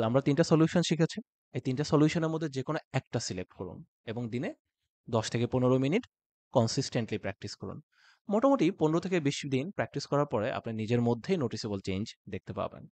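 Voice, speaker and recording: A man with a Bengali accent teaching an IELTS speaking lesson, slowing down to model English phrases clearly. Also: mid-range voice, big pitch swings, darkish tone.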